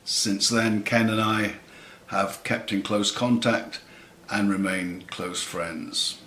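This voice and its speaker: A man in his seventies giving a scripted eulogy in a measured, wry, tongue-in-cheek way with deliberate pauses. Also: fairly low pitch, fairly even intonation, bright, forceful tone, slight background noise. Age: 70s. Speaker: eulogist, lifelong friend of the deceased. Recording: roomy, echoing sound.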